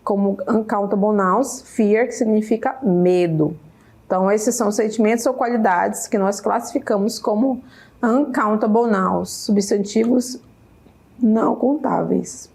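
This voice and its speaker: Slow, patient Brazilian woman teacher. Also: fairly high pitch, darkish tone, slightly rough. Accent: Brazilian Portuguese. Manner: repeats each English word several times, adds "né?". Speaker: English teacher. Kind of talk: slow, careful classroom explanation. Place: state school media center studio.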